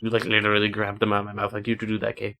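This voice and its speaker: A man's voice: lowish voice, monotone, very fast, sharp tone, slight background noise. Goofy man commentating a game, music behind. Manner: goofy, rambling. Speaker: gaming video host.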